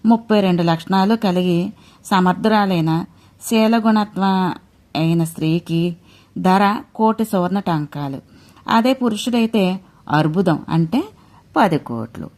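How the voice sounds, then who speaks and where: A woman voicing a wealthy, insistent old Brahmin man who lectures slowly while haggling, in a told myth. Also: lowish voice, a little mellow, lightly acted. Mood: lecturing.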